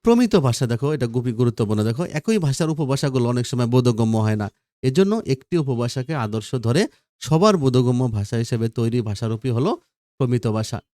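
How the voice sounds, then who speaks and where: A man's voice: medium pitch, expressive, a little fast, dark tone, no echo, clean studio sound. A man teaching a school grammar lesson, repeating key points and asking questions that he answers himself. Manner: asks the class questions and answers them himself. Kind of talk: recorded video lesson.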